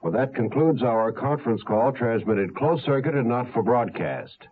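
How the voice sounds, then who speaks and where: A man's voice: medium pitch, expressive, normal speed. A man giving a plain announcer's schedule read-out over a narrow-band closed-circuit line. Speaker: network promo announcer.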